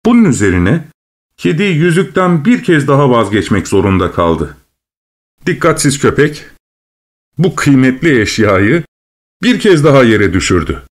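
A man's voice: medium pitch, sing-song, moderate pace. Man narrating a fairy tale. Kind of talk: storybook reading.

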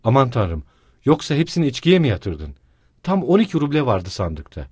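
A man voicing a frantic, consumptive woman of about thirty who shouts accusations in despair, in an audiobook reading. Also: medium pitch, sing-song, moderate pace, breathy edge, no echo, studio quality, pitched above the performer's own voice. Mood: furious.

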